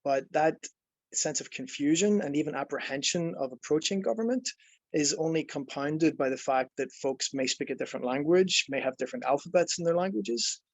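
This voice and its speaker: An Irish man, a nonprofit program director, presents in a webinar with a fairly high-pitched voice at a moderate pace. He is earnest and explanatory, often using fillers and restarting sentences, and the audio has no echo.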